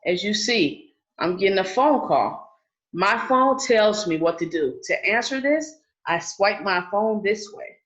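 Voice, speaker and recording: Indoors on a video call, a woman leads an online training in a chatty, easygoing manner, frequently asking "okay?". Her mid-range voice is animated and fairly bright, her pace a little slow, and the call audio is muffled.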